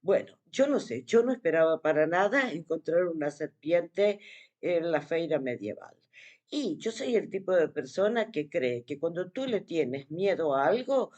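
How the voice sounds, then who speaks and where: A woman casually telling the viewer a personal story, retelling it expressively with dramatic pauses. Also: fairly low pitch, darkish tone, highs cut off. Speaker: vlogger.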